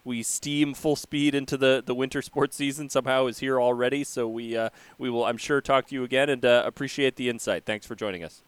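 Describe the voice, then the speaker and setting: A man's voice: mid-range voice, steady tone, brisk, few pauses, clean tone, no room sound. A male podcast host in easygoing sports talk, often agreeing and filling with uhs. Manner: agreeable, lots of yeahs and uhs. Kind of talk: casual sports podcast chat.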